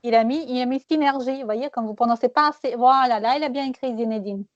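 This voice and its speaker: A woman teaching French pronunciation one-on-one, patiently repeating words slowly and laughing often. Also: fairly high pitch, dry recording, lo-fi sound.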